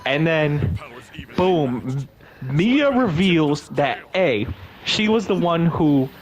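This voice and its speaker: A man's voice: on the high side, background noise. A man in casual podcast chat, retelling a movie plot in a rambling, profane way and acting out the characters' lines. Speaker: podcast co-host.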